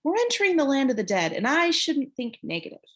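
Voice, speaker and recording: A woman's voice: sits high, sing-song, brisk, fairly bright tone, voice pushed up. A woman voicing a clever, practical young girl who speaks in a dry, matter-of-fact way. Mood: dry, earnest.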